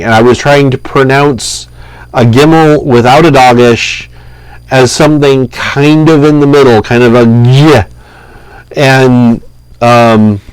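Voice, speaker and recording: A middle-aged man talking through a personal story in a casual, unscripted monologue, halting and rambling with many fillers and restarts. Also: medium pitch, smooth, no room sound, poor audio. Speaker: vlogger translating scripture.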